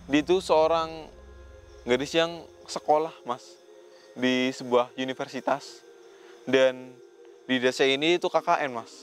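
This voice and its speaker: A man's voice: medium pitch, fairly even intonation, a little slow, long pauses, soft background music. A man hosting a paranormal investigation vlog, talking earnestly to a spirit and to his viewers. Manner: earnest, speaks to spirits and viewers, keeps saying "Mas". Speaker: ghost-hunting vlogger.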